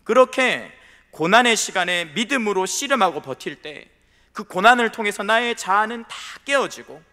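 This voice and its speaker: Lively high-voiced pastor preaching. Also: male voice, normal speed, in a large hall. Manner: storytelling, emphatic, addresses congregation directly. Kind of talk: sermon. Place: church sanctuary.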